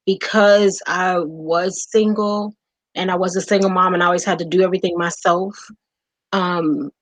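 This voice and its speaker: A woman's voice: medium pitch, poor audio. Candid woman sharing her story. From United States. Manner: candid, acts out quotes. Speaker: guest, wife. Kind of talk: personal storytelling.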